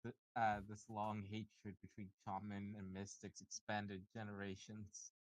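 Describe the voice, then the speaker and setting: A man's voice: lowish voice, completely flat delivery, measured pace, low-quality recording. A man playing in a tabletop game, rambling through a made-up story and stumbling over his words. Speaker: player. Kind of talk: casual tabletop chat, telling a mock story.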